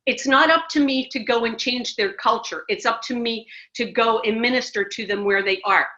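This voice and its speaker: Here a US-born ministry director in middle age answers interview questions in a casual, emphatic way, frequently starting over. Her pitch is fairly high, her pace normal and her tone sharp, all heard through muffled, lo-fi audio.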